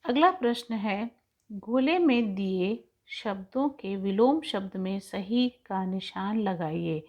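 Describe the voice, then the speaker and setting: A woman teaching young children in an online class lesson, explaining each point slowly and patiently. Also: medium pitch, animated, muffled recording. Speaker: school teacher.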